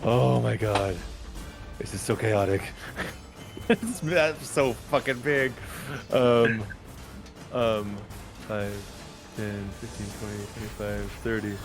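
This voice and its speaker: A man with a low voice running a tabletop game, talking in a rambling, hesitant way with lots of "um"s and casual swearing. Music plays clearly behind him. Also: takes it slowly, long pauses. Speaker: game master.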